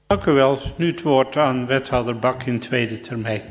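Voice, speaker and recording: A man's voice: medium pitch, moderate pace. Man chairing, with hall reverb. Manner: brief, formal handovers of the floor. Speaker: council chair. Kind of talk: chairing a meeting. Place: council chamber.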